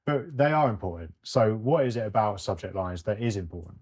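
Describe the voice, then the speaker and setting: Brief: male podcast co-host, deep mellow voice, chatty, keeps checking in with "right?". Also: animated, fairly quick, breathy edge. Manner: chatty, often tags sentences with "right?". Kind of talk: casual podcast chat.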